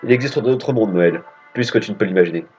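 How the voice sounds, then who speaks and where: A man voicing a calm, knowing woman who guides travelers between worlds, read plainly. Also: fairly low pitch, fairly quick, natural voice. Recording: dull lo-fi audio with game music.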